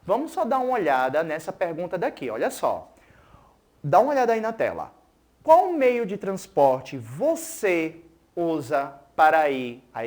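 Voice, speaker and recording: An English teacher giving a recorded school TV lesson, checking in with pupils often and saying words slowly for them to repeat. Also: mid-range voice, darkish tone. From Pernambuco, Brazil. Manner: keeps checking in with "certo?" and "né?".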